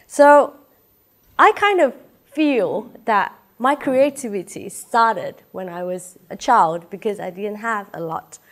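With a mid-range voice, lively intonation and a slow pace, a woman in her thirties gives an inspirational keynote to an audience in a lecture room while running a fever. She is from Malaysia, has Chinese as her first language and a Malaysian accent, and talks in a chatty, personal way, laughing often and saying "uh" a lot.

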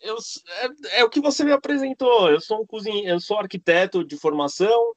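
A man's voice: sits high, expressive, normal speed, no room sound, lo-fi sound. A man from Argentina, a cook and architect chatting as a podcast guest, rambling with many fillers and restarts. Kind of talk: casual interview chat.

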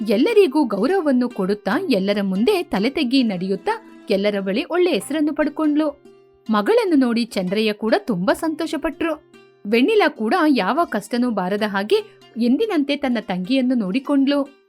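A woman's voice: on the high side, very animated, moderate pace, a little mellow, soft background music. A woman narrating a moral story in a scripted storybook manner.

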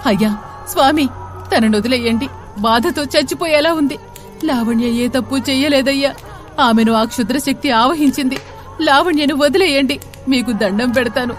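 A grieving man begging for his wife's life, voiced by a woman in a spoken storybook. The pleading voice rides high and earnest. Soft music hums underneath. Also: normal speed, lightly acted. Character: desperate husband begging for his wife.

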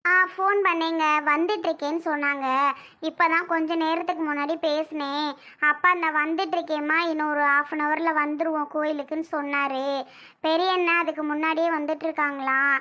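A woman playing a shy, soft-spoken young bride who answers politely. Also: high-pitched, level tone, a little fast. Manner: meek, polite.

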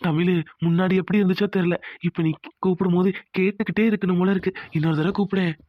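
A man voicing a gentle, puzzled young village husband in a cartoon. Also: high-pitched, fairly even intonation, quick pace, dry recording, lo-fi sound, close to an everyday voice. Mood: teasing. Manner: plain, wondering, teasing.

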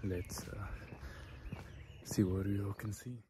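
A man giving a casual travel vlog talk to camera on safari in a hushed, half-whispered voice. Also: on the low side, steady tone, slow. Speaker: travel vlogger.

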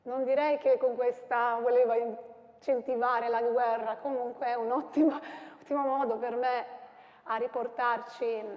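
A woman lecturing on sound poetry, then performing it aloud with shouted sound words and laughter. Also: a little high, level tone, a little slow, lo-fi sound. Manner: explains softly, then recites with shouts, onomatopoeia and laughter. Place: large university lecture hall. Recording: echoey hall reverb.

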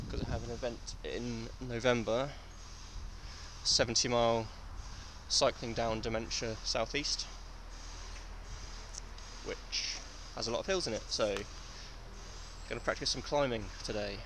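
A young English cyclist vlogs outdoors on country lanes, speaking to an action camera fixed close on his bike. His mid-range voice holds a steady tone, a little slow, and he pauses often, breathless from the climbs but still chatty. Wind and road noise sit behind him.

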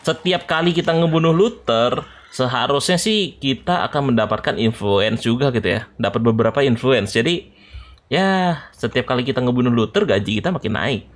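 A man giving excitable let's play commentary, shouting orders at his troops during battles. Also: medium pitch. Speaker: gaming YouTuber. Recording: game music behind the voice.

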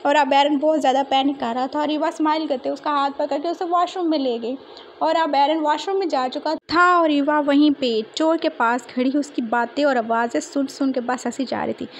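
High-voiced young woman telling a story. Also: fairly even intonation, normal speed, a little hiss or hum. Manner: chatty, conversational narration. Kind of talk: narrating a story.

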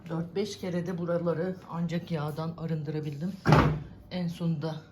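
A woman vlogging from her village house kitchen, exasperated and scolding her cats in sharp high shouts. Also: steady tone, moderate pace, heavy background noise. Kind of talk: casual vlog talk to camera.

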